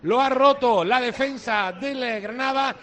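A man's voice: extremely high pitch, a little slow, sharp tone. A man reporting a goal live from the stadium, explaining the play with some hesitant fillers.

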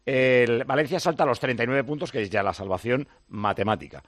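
A man's voice: medium pitch, a little fast, dry recording, clean studio sound. A man with a Spanish accent from Spain giving unscripted football analysis as a radio pundit. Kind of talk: lively unscripted match analysis.

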